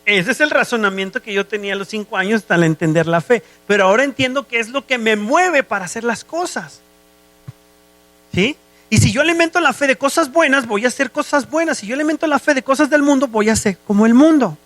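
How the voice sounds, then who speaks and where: High-voiced Mexican man preaching. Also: animated, fairly quick, a bit bright, no room sound. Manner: asks listeners if they follow, often. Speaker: guest preacher. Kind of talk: sermon.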